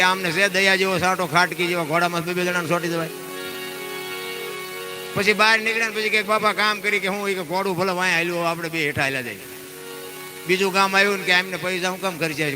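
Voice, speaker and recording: A man, telling folk stories and giving emphatic, preacher-like moral talk. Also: sits high. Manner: lively, emphatic, preacherly, acts out quoted people. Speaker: dayro folk storyteller. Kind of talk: folk storytelling and moral talk before an audience.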